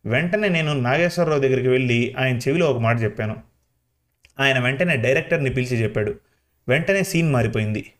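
Boastful village gossip, showy tall-tale teller, middle pitch, as a male narrator puts him on. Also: brisk, lightly acted.

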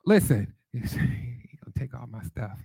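Slow, husky Detroit preacher man. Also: medium pitch, dark tone, no room sound, rough recording. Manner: sings prayer lines, then teaches with call-and-response and storytelling. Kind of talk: sermon.

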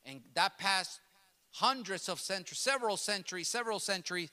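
A native Spanish speaker raised in New York City preaches a sermon, his very high, sharply cutting voice animated and fairly quick. He repeats and restarts phrases, circling back as he builds to loud, passionate peaks. His words ring out with a long reverb tail, like in a big church hall.

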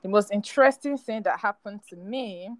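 A young Nigerian woman co-hosts a podcast, chatting casually and rambling with plenty of fillers in a sweet, soothing voice. Her mid-range voice moves at a normal speed, and the recording has no echo.

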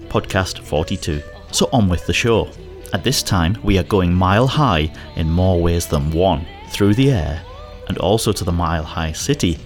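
A man with a slightly deep voice hosts a solo podcast. He narrates from a script with personal anecdotes, and music sits faintly behind him. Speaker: podcast host.

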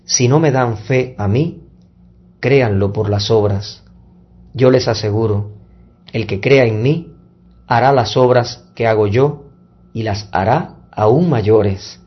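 A man speaking as a priest at Mass, measured and deliberate, in solemn liturgical reading and preaching. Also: fairly low pitch, breathy edge, lo-fi sound. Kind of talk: solemn Gospel reading and homily. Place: church Mass livestream.

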